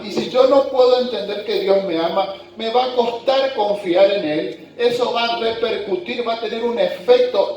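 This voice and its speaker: High-voiced preacher in an echoey hall. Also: male voice, a little mellow. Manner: conversational, asks the congregation if they follow; reads scripture aloud slowly. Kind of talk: sermon. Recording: very echoey hall, distant mic, dull sound, faint music.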